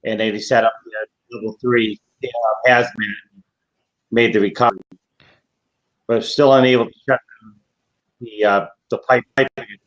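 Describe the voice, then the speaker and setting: A man with a heavy Boston accent giving a halting, informal account of an incident over an internet call. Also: on the low side, steady tone, fairly bright tone, dull audio. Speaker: guest responder. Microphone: internet video call.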